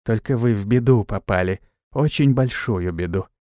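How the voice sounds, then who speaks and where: Man doing a lifeless quiet servant girl. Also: fairly low pitch, dry recording, clean studio sound, lightly acted. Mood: flat. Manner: quiet, flat, slow.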